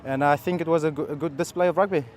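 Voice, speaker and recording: A man, a rugby player interviewed outdoors, talking haltingly with many restarts. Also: fairly high pitch, fairly even intonation, a little mellow, a little hiss or hum.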